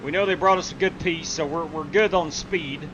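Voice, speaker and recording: High-pitched male racing driver over vehicle noise. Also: fairly even intonation, moderate pace, dull audio. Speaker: race car driver. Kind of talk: casual in-race talk to crew. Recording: clear vehicle noise behind voice. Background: car and vehicle noise.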